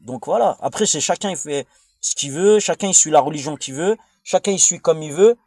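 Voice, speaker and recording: A slightly high, slightly mellow male voice speaks briskly in studio-quality sound with no echo. He's an adult vlogger from France with a French accent and a young child, rambling informally in blunt, crude slang, frequently digressing and repeating himself.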